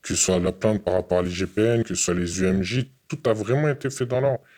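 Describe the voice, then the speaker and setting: Young man, very low voice, halting, repeats words, earnest interviewee. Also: a little mellow. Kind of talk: testimony in an interview.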